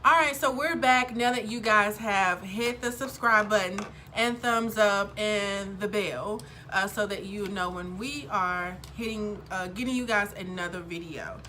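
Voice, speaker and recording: A woman's voice: mid-range voice, unhurried, hardly any pauses, sharp tone, slight background noise. A woman in her thirties chatting casually to camera as a vlogger, upbeat and full of fillers. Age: 30s. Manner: upbeat, chatty, lots of ums.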